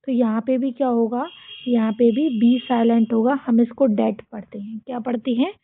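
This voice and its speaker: A woman with an Indian accent teaching a children's phonics lesson, drilling words slowly and asking the children to repeat after her. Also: fairly high pitch, steady tone, breathy edge, no echo. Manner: slow, drilling repetition with call-and-response questions. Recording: tinny, phone-like dry sound.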